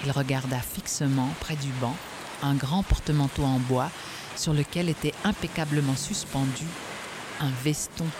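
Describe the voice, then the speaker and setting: A narrator reading a novel aloud in a wry, measured way. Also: medium pitch, steady tone, background noise. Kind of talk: audiobook narration.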